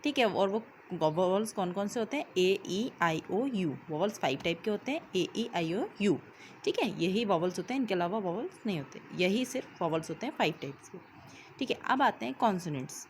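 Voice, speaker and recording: A woman's voice: medium pitch, expressive, fairly quick, a little hiss or hum. Hindi-speaking woman teacher explaining grammar. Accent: Indian. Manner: explains step by step, ends points with "ठीक है", spells words out letter by letter. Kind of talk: recorded English grammar lesson explained in Hindi.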